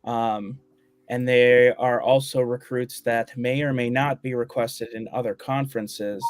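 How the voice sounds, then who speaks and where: A man's voice: medium pitch, measured pace, dry recording. A man hosting a live online show, talking casually with fillers and jokes. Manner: relaxed, joking, many fillers. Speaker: host. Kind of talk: casual live-stream chat.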